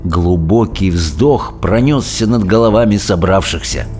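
A man narrating a storybook in an expressive, dramatic way. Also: deep voice, a little slow, soft background music. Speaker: audiobook reader.

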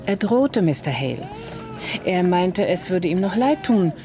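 In a radio crime drama, an actress voices an observant, talkative neighbour delivering witness testimony. Her fairly low female voice swings widely in pitch as she speaks deliberately and with emphasis, earnest in mood, over music.

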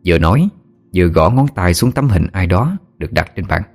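Male audiobook narrator, very low voice, faint music behind. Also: fairly quick, creaky. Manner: steady storytelling. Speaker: story narrator.

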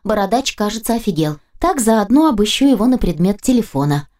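A woman reading a first-person audiobook aloud in a lively, ironic manner. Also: medium pitch, brisk, slight background noise. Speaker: audiobook narrator.

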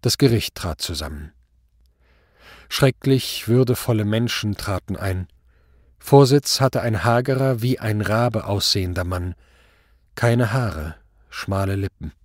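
A man narrating a novel in an expressive, dramatic reading. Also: fairly low pitch, measured pace, no room sound, studio quality. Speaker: reader. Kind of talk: audiobook narration.

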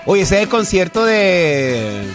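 A man's voice: sits high, sing-song, slow pace, music in the background. A man, a musician guest, chatting loosely in a radio studio interview, telling rambling stories and repeating his words. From immigrant living in Spain. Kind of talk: casual radio interview chat.

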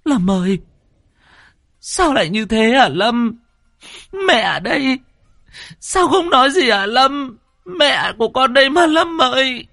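A man's voice: extremely high pitch, expressive, slow pace, creaky, long pauses, sharp tone, no echo, clean studio sound, voice pushed up, heavily acted. A man voicing a grieving middle-aged mother who cries, stammers and pleads with her son. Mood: wailing. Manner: wailing, stammering pleas. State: crying.

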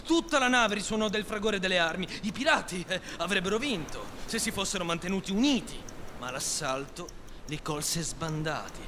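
A man narrating a storybook reading on the radio with lively, sharp delivery. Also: high-pitched, normal speed, big-room sound, noisy background. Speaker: story reader.

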